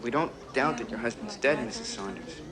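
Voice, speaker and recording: An actor playing a hesitant benefits clerk who halts and apologizes while breaking bad news, heard from a worn tape copy of a film. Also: male voice, medium pitch, crowd noise. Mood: apologetic. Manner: halting, apologetic. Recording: hissy worn videotape film clip.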